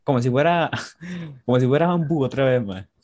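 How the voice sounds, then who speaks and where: Tico joven, tranquilo y juguetón. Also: male voice, mid-range voice, normal speed, a little mellow. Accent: Costa Rican. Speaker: podcast co-host. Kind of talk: casual chat among friends.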